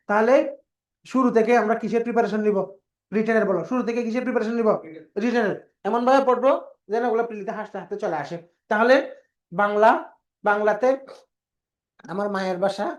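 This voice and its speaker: A woman's voice: mid-range voice, a little mellow. Woman teacher lecturing patiently. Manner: explains patiently, repeats key words, poses questions and answers them. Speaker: exam prep teacher. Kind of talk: classroom lecture.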